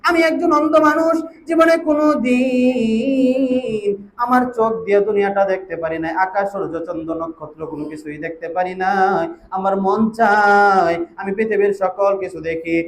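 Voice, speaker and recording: A man with a high, ringing voice delivers a storytelling sermon, slipping into sing-song chanting and sudden loud calls to his listeners. Faint ambient sound sits behind him. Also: moderate pace, slight background noise. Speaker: preacher. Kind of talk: Bengali waz sermon storytelling.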